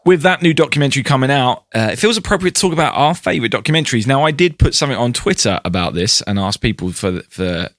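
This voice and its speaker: A man hosting a podcast, talking casually and haltingly, often repeating words. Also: medium pitch, animated, a bit bright, dry recording, studio quality. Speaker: podcast host. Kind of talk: casual chat.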